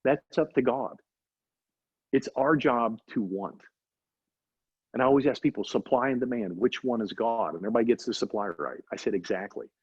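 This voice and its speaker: A middle-aged man, an interview guest, telling animated faith-driven stories and often asking "right?". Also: medium pitch, normal speed, breathy edge, no room sound. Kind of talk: casual storytelling interview. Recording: dry, slightly dull recording.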